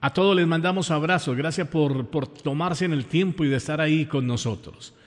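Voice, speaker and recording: Heard in a large hall, a Colombian radio host from Pereira talks at normal speed in a slightly high voice with a Colombian accent. His informal manner is affectionate and effusive, and he repeats phrases to drive his points home.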